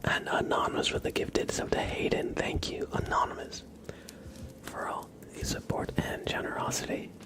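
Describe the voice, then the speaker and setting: Whispering slowly and softly with the occasional light chuckle, a male livestream host reads out and thanks his chat. He is right up against the microphone in ASMR fashion, so his mouth sounds come through.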